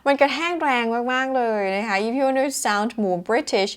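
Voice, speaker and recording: A woman giving a casual pronunciation lesson, slowly demonstrating words over and over and mixing with English. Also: high voice, clear, resonant tone. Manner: demonstrates words slowly and repeatedly, switching between Thai and English. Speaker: English teacher.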